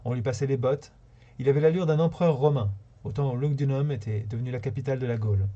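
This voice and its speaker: A man reading a short story aloud on a live stream, unhurried, now and then stumbling and rereading a phrase. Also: medium pitch, dark tone. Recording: slightly dull lo-fi sound.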